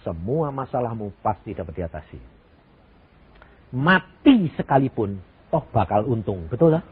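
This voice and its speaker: Older man, husky evangelist, wildly swooping delivery, tinny phone-quality audio. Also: medium pitch, unhurried. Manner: animated preaching with rhetorical questions and sudden loud bursts. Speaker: evangelist preacher. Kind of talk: sermon.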